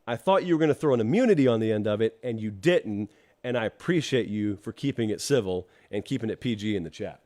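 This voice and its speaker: Talking fast in a low, dark voice, this middle-aged host runs a solo college football show streamed live, complete with an ad read. He's congested from allergies but stays expressive, aiming wry remarks at the people in his live chat.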